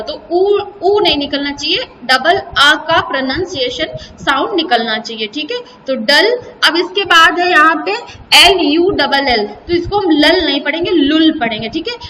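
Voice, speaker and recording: A woman's voice: high voice, bright, forceful tone, long reverb tail, far from the mic, slight background noise, low-quality recording. An Indian woman teacher with an Indian accent, explaining a children's English exercise step by step and spelling out words. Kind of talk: recorded video lesson in Hindi and English.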